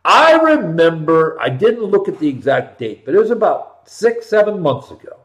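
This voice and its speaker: Ranting American man, high-pitched, in an echoey room. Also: sing-song, moderate pace. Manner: emphatic, punchy repetition with swings from loud to hushed. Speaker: talk show host. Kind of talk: impassioned political monologue, ranting. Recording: roomy, echoing sound.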